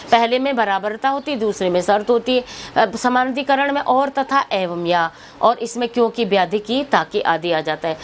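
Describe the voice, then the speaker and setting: A woman's voice: medium pitch, a little hiss or hum. A woman teaching a Hindi grammar lesson for exam preparation, explaining with everyday example sentences and asking and answering her own questions.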